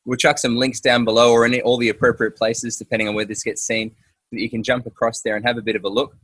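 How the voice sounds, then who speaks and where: A man's voice: medium pitch, flat delivery, quick pace, fairly bright tone, breathy edge, no echo. A man hosting an interview outdoors, hesitant and full of fillers. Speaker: host. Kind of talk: casual interview talk.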